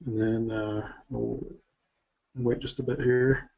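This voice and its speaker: Halting man on a muffled video call. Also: medium pitch, flat delivery, creaky. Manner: halting, hesitant, many fillers. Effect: heard over a video call. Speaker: software developer showing a product. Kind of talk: live screen-share demo.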